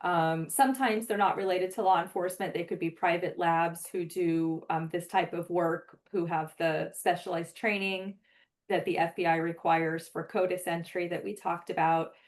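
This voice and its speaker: Speaking at a normal speed in a steady tone, on the low side, a woman presents a webinar for a forensic database program. Her delivery is earnest and explanatory, conversational and sprinkled with many "um" fillers.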